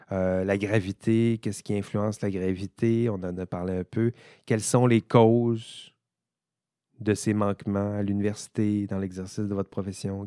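Low-voiced professor, dry sound. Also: male voice, mellow, no room sound. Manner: informal, thinking aloud, addressing students directly. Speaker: ethics professor. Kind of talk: recorded course lecture.

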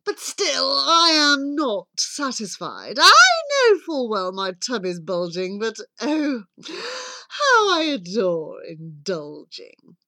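Woman acting a greedy storybook wolf villain, menacing, boastful, slow drawn-out gloating, forceful bright tone, swooping pitch. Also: huge pitch swings, no room sound, exaggerated voice. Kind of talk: dramatised verse storytelling.

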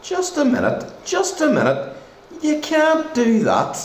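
An exasperated, sardonic man, acted by a man in a stage farce. His pitch leaps all over the place as he speaks indignantly. The room is echoey, with faint noise. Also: wildly swooping pitch, normal speed. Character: exasperated, sarcastic male reluctant go-between.

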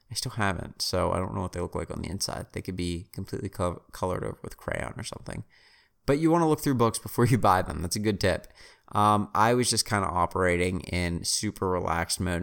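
A man's voice: deep voice, gravelly, a bit bright. A man in his twenties casually telling a story about reselling garage-sale finds, rambling with restarts and wry self-mocking humor. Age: 20s. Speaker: reseller vlogger.

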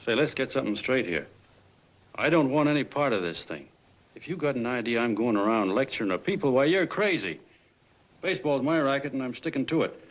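An actor playing a blunt, stubborn young ballplayer who speaks plainly, in 1940s film acting. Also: male voice, medium pitch, expressive, fairly quick, dull audio, natural voice. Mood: refusing.

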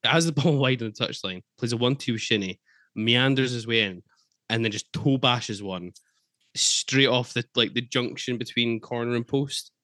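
A man hosting a casual football podcast, chatty and quick to swear, laughing between points. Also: medium pitch, bright, forceful tone, no room sound. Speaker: podcast host.

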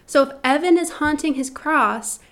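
A woman's voice: sits high, normal speed, fairly bright tone. A woman who is a podcast guest, telling stories in casual chat and swearing now and then. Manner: chatty storytelling, swearing.

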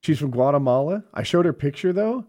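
A man's voice: on the high side, animated, fairly quick, a little mellow. A man in casual podcast chat, stumbling through a story with many restarts.

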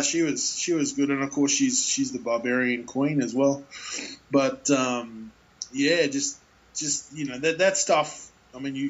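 A man's voice: mid-range voice, muffled recording. A man chatting casually about films, rambling with many fillers and restarts.

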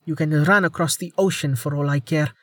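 A man voicing a blunt, hot-tempered young woman adventurer who talks in a sharp, impatient way. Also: sits high, expressive, moderate pace, dry recording, studio quality, pitched above the performer's own voice. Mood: heated.

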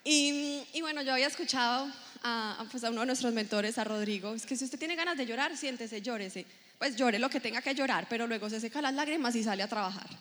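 Woman, 30s, motivational speaker; animated storyteller who acts out dialogue, slightly high voice, long hall reverb. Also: quick pace. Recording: reverberant hall, faint ambience.

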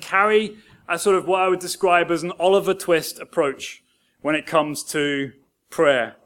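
A male pastor giving a sermon. His voice sits high for a man, and he works through his points by telling stories with earnest conviction. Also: fairly bright tone. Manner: earnest storytelling preacher.

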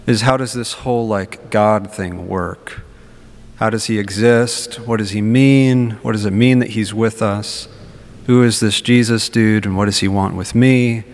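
A man speaking as a priest at church, reading scripture and preaching in a reflective way, with long cathedral-like echo around his voice. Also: lowish voice. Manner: reflective, informal, rhetorical questions. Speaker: priest giving a homily. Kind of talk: Gospel reading and conversational sermon. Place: large reverberant church.

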